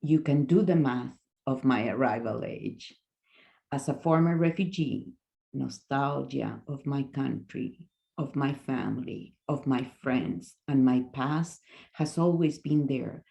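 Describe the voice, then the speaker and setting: Low, gravelly Chilean woman in her sixties. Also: slow pace, mellow, muffled recording. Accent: Chilean Spanish. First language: Spanish. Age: 60s. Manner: hesitant, with fillers and restarts. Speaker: guest speaker. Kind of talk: presentation talk.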